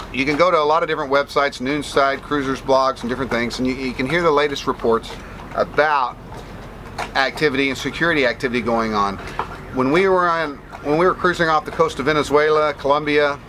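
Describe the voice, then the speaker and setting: Bearded sailor talking on a boat deck. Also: male voice, a little high. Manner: rambling, restarts and fillers, plain-spoken. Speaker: sailing vlogger answering viewer questions. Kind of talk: casual talk to camera. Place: outdoors on a sailboat deck in a bay. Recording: outdoor boat noise behind voice. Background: boat and water ambience.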